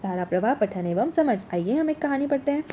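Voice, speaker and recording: A woman teaching a workbook lesson to young children, slow and clear, repeating each letter and word. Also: fairly high pitch, animated, dark tone, a little hiss or hum.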